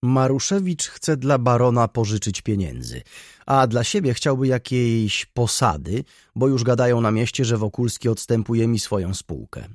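A man's voice: medium pitch, animated, moderate pace, darkish tone, no room sound, clean studio sound, natural voice. A man reading an audiobook, voicing a calculating, stubborn businessman who speaks in a matter-of-fact, sulky way.

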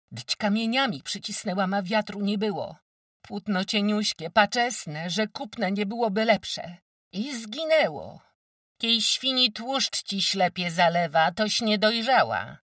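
A jeering peasant woman with a sharp tongue, as an audiobook reader puts her on, pitched high and swinging up and down as she mocks. The voice sounds dry and set back from the mic. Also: no room sound, far from the mic. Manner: jeering, shrill, mocking. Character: mocking, foul-mouthed peasant woman neighbor. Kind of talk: audiobook character reading.

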